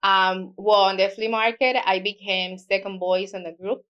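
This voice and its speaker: Guesting in a relaxed interview, a middle-aged mortgage loan officer with a Spanish accent recounts her work story, her native Spanish showing in small grammar slips. She speaks at normal speed in a smooth, medium-pitched voice with little pitch movement, and the recording is muffled.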